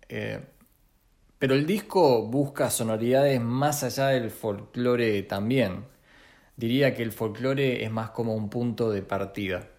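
A young man, a guest musician speaking in a thoughtful, measured first-person monologue with small restarts. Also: medium pitch. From Argentina. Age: young adult.

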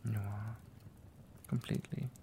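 A man voicing an affectionate, doting male dragon lover in an ASMR roleplay, talking softly and often in a tender whisper. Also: lowish voice, steady tone, unhurried, vocal fry, a little hiss or hum.

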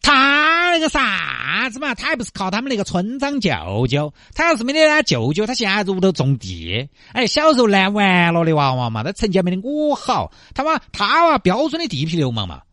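A man's voice: high voice, huge pitch swings, brisk, hardly any pauses, pushed and bright, no echo, studio quality, voice pushed up, heavily acted. A man playing an envious young village man with a Sichuanese accent, grumbling sourly about a friend in a comic storytelling skit. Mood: bitter, jealous. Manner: sour, complaining.

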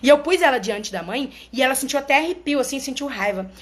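High-voiced chatty woman. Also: expressive, fast talker. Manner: chatty and explanatory, often checks in with listeners. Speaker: therapist talking to followers. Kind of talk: casual monologue to followers.

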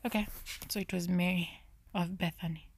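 A woman hosting a podcast, thinking aloud through a Bible study in a low, half-whispered way, often stopping to correct herself. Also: steady tone, moderate pace, slightly rough. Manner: searching, self-correcting musing. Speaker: podcast host.

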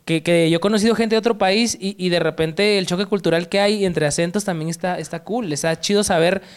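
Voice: medium pitch, brisk, clean tone. Laid-back Mexican podcast host. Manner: laid-back, rambling, slangy, many restarts. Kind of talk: casual podcast chat.

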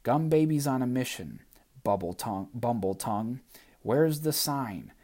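A man's voice: medium pitch, lively intonation, measured pace, warm tone. A man voicing a tiny, bossy female gum doll creature with a brash, taunting manner in an audiobook.

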